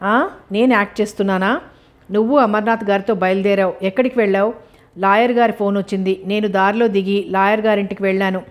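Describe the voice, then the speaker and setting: A woman's voice: medium pitch, fairly even intonation, fairly quick, lightly acted. A woman voicing a scheming young man who answers in an evasive, defensive way.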